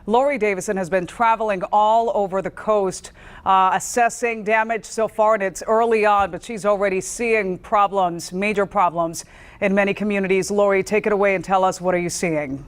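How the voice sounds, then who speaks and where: A man with a high, smooth voice speaks as a news anchor. His delivery is that of a live broadcast hand-over to a field report. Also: steady tone, moderate pace.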